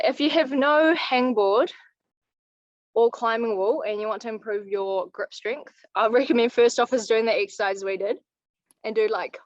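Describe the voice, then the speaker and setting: A woman's voice: on the high side, no echo. Young New woman coaching over video call. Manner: practical, easygoing advice-giving. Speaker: climbing coach. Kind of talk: live online coaching Q&A. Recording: muffled, dry video call audio.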